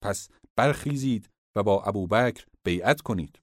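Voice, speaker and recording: A man voicing a fiery male tribesman, calling out loudly to rally his clan. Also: lowish voice, lively intonation, no echo, studio quality. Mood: rousing. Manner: loud, raised rallying call.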